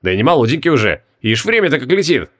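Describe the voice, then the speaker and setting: A man's voice: mid-range voice, big pitch swings, quick pace, fairly bright tone. A man voicing a jovial, folksy old undead marshal who speaks in rustic turns of phrase and barks commands at his troops. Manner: folksy rustic speech, gruff barking commands.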